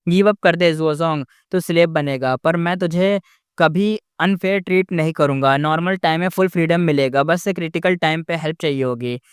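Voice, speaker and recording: A man voicing a calm, composed figure who lays out terms in an even tone. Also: fairly high pitch, normal speed, clear, resonant tone, no echo, clean studio sound, lightly acted.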